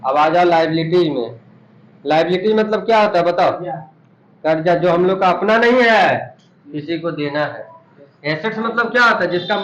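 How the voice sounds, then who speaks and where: A man's voice: sits high, a bit bright, slight background noise. Man teaching accounts in an echoey room. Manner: explains terms and quizzes students with repeated questions. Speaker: commerce teacher. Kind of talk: classroom lesson. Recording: dull echoey room recording.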